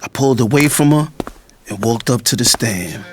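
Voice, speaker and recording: An audiobook narrator, a man with a medium-pitched, natural and animated voice, speaks at a moderate pace. He plays a resolute, self-sacrificing younger brother telling his own story in the first person, in a grave, narrating mood.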